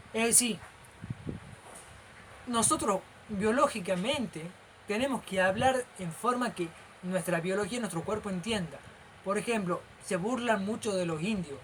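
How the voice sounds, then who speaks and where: The rough recording, carrying a little hiss or hum, captures a man with a high voice teaching in an informal lecture. With his Rioplatense Spanish accent and animated, gestural style, he lays out explanations step by step and keeps checking that the listener follows.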